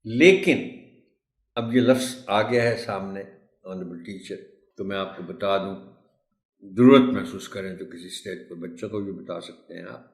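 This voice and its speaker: A man's voice: deep voice, reverberant. Man carefully enunciating a pronunciation tutorial. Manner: slow, careful enunciation of English words. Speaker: teacher trainer.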